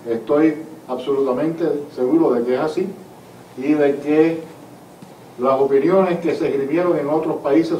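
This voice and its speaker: A man's voice: medium pitch, a little mellow. Cuban-born man lecturing in an echoey hall. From Cuba. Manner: earnest, emphatic lecturing. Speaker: author and historian. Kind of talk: answering audience questions at a book talk. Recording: echoey hall from far off, faint noise.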